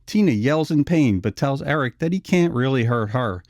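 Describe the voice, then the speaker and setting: A man's voice: medium pitch, animated, moderate pace, darkish tone, no room sound, studio quality. A man narrating a scripted retrospective video essay.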